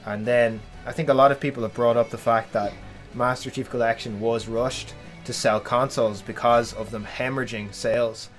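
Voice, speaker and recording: A man hosting a podcast in casual gaming chat, giving firm opinions and quick agreement. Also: medium pitch, steady tone, faint music behind. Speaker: podcast host.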